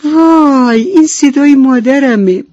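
A woman's voice: a little mellow, no room sound, natural voice. A woman voicing a scared, lost little duckling, tired and tearful, in a children's bedtime storybook reading. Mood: overjoyed. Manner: high, pleading and tearful. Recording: dull lo-fi radio recording.

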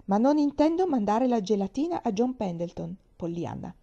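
A woman's voice: a little high, very animated, moderate pace, gravelly, warm tone, highs cut off, heavily acted. A woman reading aloud, voicing a stern, rigid older aunt who speaks in a severe, clipped way.

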